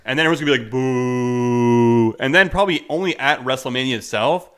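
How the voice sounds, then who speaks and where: A man co-hosts a casual wrestling podcast with a bright, forceful voice. He talks with a sarcastic edge and likes acting out short quotes in other voices. The conversation is loose and chatty. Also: mid-range voice, animated, rapid-fire. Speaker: podcast co-host.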